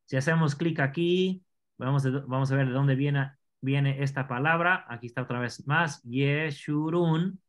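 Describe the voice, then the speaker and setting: A man teaching an online scripture class, explaining Hebrew words slowly and asking his students questions. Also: mid-range voice.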